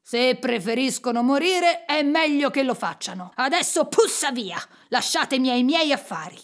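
A woman's voice: fairly high pitch, lively intonation, a little slow. A woman voicing a miserly, grumpy old man who scorns everyone. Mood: scornful. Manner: sharp, scornful.

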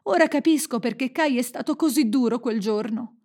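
A woman voicing a brave, tearful young girl in a storybook, high and pleading. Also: normal speed, a little mellow, lightly acted. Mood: eager.

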